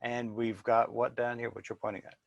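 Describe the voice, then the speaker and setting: A man's voice: mid-range voice, flat delivery, brisk, vocal fry, dry recording, lo-fi sound. A man giving an informal sales presentation in a plain-spoken, explanatory way. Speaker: business presenter.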